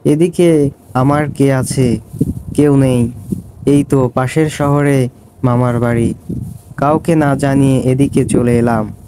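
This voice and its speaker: A man's voice: mid-range voice, fairly even intonation, takes it slowly, pauses often, noisy background, close to an everyday voice. A man voicing a frightened but defiant young wife who stammers when cornered. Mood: plaintive. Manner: hesitant, stammering.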